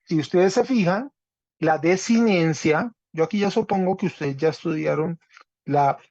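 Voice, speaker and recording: A man's voice: on the high side, gravelly, a little mellow, dry recording. Patient man teaching over a video call. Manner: patient, checks understanding with "¿cierto?". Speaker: Greek teacher. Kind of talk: online class lecture. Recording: slightly dull, dry online call audio.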